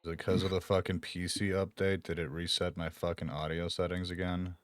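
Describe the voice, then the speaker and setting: A man's voice: deep voice, level tone, a little fast, no echo. A young man streaming and chatting casually, swearing a lot and trailing off mid-sentence, his voice tinny like an AM radio because it is coming through a webcam mic. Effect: tinny AM-radio-like sound from picking up through a webcam mic. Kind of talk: casual chat while streaming. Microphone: webcam mic by mistake.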